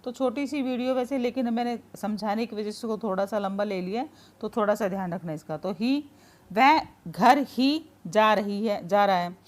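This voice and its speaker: A woman's voice: medium pitch, fairly quick, a little mellow. A woman teaching a grammar lesson in a patient, informal way, explaining with many everyday examples and checking in often.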